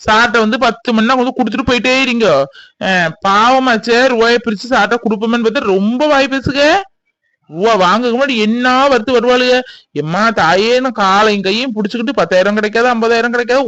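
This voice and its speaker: A man voicing a sharp-tongued loan-group leader in a cartoon, mocking and scolding. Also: very high-pitched, steady tone, fast talker, no room sound. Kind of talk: cartoon voice acting. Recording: dull lo-fi dry recording.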